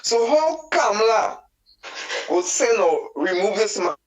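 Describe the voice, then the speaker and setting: A man with a Trinidadian accent calling in to a radio show, his phone line breaking up and cutting in and out as he talks slowly and emphatically. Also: sits high, sing-song. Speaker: caller. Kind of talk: call-in radio caller. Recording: distant, broken-up phone call.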